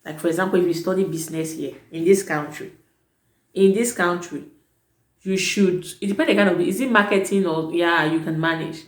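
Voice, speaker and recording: Speaking a little fast in a lowish voice, a teacher at an international school vlogs advice for prospective students. She's chatty and emphatic, frequently fixing her own sentences partway through, and the room she records in is echoey.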